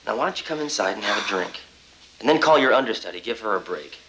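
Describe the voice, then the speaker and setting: An actor playing a protective, insistent young boyfriend in a 1970s TV drama. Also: male voice, lowish voice, animated, fast talker, fairly bright tone, a little hiss or hum, low-quality recording. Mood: soothing.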